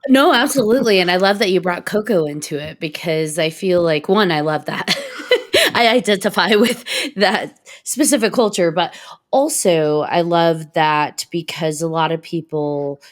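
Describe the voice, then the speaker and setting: A young woman with a fairly low voice hosts a casual podcast. She asks her questions in an upbeat, friendly way, with plenty of laughter along the way. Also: unhurried. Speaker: podcast host. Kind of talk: casual interview chat.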